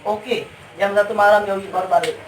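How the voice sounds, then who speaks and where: A woman's voice: mid-range voice, steady tone, a little fast. A woman, telling a story casually and repeating phrases for emphasis. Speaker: guest recounting ghost sightings. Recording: roomy, distant mic with background noise.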